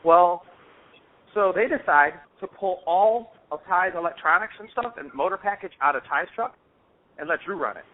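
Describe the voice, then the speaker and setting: On a casual phone call captured in dull, lo-fi audio, a man with a high, animated voice speaks at normal speed. The hobby show host rambles through anecdotes in a slangy, informal way.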